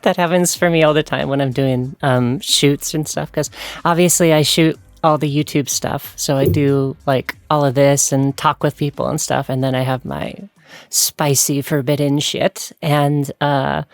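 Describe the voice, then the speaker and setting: A woman's voice: deep voice, fairly even intonation, measured pace, no room sound. A woman hosting her channel, chatting candidly and rambling with frequent giggles. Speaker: YouTuber host. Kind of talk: casual chat.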